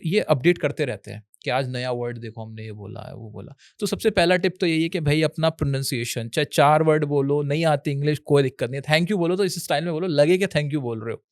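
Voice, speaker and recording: Young Indian man, guest, dry close sound, slightly high voice, chatty advice-giver mixing Hindi and English. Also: no room sound. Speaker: educational YouTuber guest. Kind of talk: casual Hinglish interview talk.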